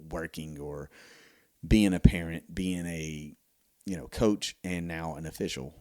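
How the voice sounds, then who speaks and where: A man's voice: low-pitched, darkish tone. A middle-aged man from the United States hosting a solo podcast, talking casually and rambling with many fillers and restarts. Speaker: podcast host.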